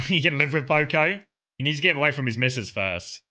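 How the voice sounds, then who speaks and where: A streamer from Kent in south-east England talks casually to viewers with a mild southern English accent, telling rambling anecdotes. His slightly high voice is bright, forceful and animated, and he speaks a little quickly.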